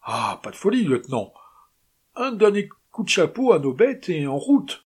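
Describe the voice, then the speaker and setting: A man reading a story aloud, voicing a blunt, mocking Spanish sailor with a husky voice who calls out loudly. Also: high-pitched, sing-song, moderate pace, voice pushed up, heavily acted. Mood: brash. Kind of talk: audiobook character voice.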